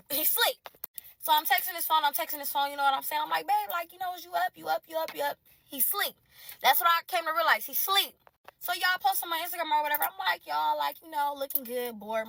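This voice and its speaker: Brief: high bright-voiced woman, animated storyteller, talks to "y'all," laughs a lot. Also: gravelly, distant mic. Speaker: storyteller in a clip. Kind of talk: casual storytime to the camera.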